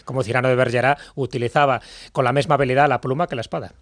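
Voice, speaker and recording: A man's voice: mid-range voice, steady tone, rapid-fire, no echo, clean studio sound. Discursive, emphatic man in a podcast discussion. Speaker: panellist on a history and mysteries podcast. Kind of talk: informal expert discussion.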